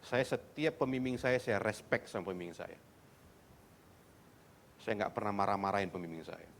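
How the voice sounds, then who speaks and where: A man preaching a sermon at a church service, animated, acting out quoted speakers and rising into high, loud exhortation. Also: normal speed, vocal fry, a little hiss or hum. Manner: animated preaching, climbs to high-pitched loud exhortation, mixes English words; acts out imagined speakers in quoted lines. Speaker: pastor.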